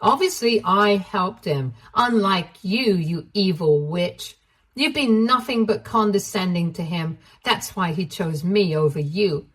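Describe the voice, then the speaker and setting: A woman's voice: mid-range voice, slow, lightly acted. A woman voicing a scornful cheating ex-wife who pouts, whines and accuses. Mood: accusing. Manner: pouting, whiny and accusing.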